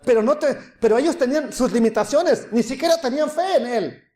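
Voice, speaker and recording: A man preaching a sermon. He acts out scoffing onlookers with a laugh, then drops to soft, hushed tones. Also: very high voice, expressive, brisk, echoey room.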